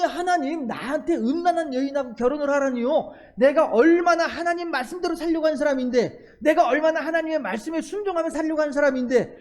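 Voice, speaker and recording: A preacher acting out a young male prophet who pleads and protests in sermon storytelling. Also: high voice. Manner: pleading, indignant outbursts.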